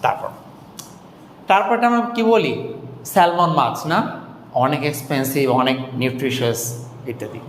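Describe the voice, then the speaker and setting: A man teaching English pronunciation in a casual, joking way, slowly repeating words to model how they sound. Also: on the high side, sing-song, echoey room, big-room sound, slight background noise. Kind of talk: casual spoken lesson.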